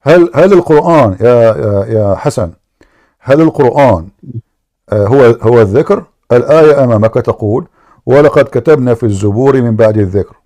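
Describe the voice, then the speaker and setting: A man's voice: medium pitch, lively intonation, brisk, mellow. A man hosting a call-in debate, pressing his questions again and again and relaying the caller's words to his audience in English and Arabic. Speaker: host of a call-in debate show. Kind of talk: combative live debate with a caller.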